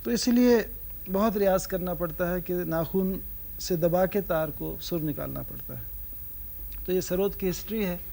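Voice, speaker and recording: A man from North India teaches the sarod to a class, speaking in a high, lively voice. He keeps asking his students questions and sings the note syllables aloud to show the scale. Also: normal speed, vocal fry, a little hiss or hum. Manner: asks the audience questions, sings sargam syllables. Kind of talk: lecture-demonstration to students.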